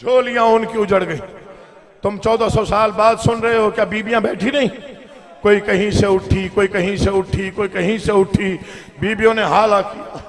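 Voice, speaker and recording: High-voiced reciter with Pakistani Urdu accent. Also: male voice, fairly even intonation, moderate pace. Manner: builds from soft asides to loud chanted lament. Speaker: majlis reciter. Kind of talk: Shia mourning sermon. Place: large hall before a live gathering. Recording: live recording with long hall reverb.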